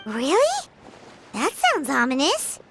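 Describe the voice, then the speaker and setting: A woman's voice: huge pitch swings, slow pace, heavy background noise, exaggerated voice. A woman voicing Paimon, a tiny floating fairy companion who is curious and chirpy, in a video game. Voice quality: high, bright and squeaky. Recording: game audio with loud music underneath.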